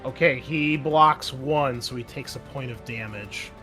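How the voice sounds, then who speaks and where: Running a tabletop game, a man narrates the scene informally, as if chatting with his players. His voice is medium-pitched and unhurried, and music plays underneath.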